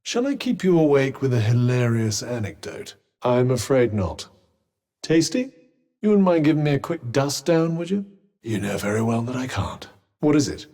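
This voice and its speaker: Cuff, a reverberant sardonic British talking bracelet. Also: male voice, mid-range voice, sing-song, moderate pace, warm tone. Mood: dry, teasing, then wry. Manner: dry, wry, pompous, articulate. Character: sardonic, fussy talking magic cuff, a bickering companion. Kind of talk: video game character dialogue. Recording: long reverberant echo on voice.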